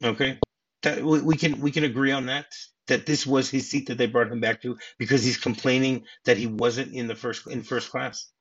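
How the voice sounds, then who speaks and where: Male podcast host, husky, chatty, lo-fi audio. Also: medium pitch, steady tone, normal speed, fairly bright tone. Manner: chatty, many restarts and laughs. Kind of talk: casual film discussion.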